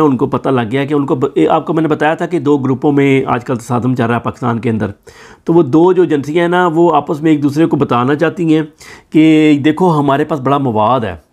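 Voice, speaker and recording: A man's voice: a little high, creaky, a little mellow. A man with a Pakistani Urdu accent giving sarcastic political news commentary, hosting his own channel. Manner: sarcastic, mocking.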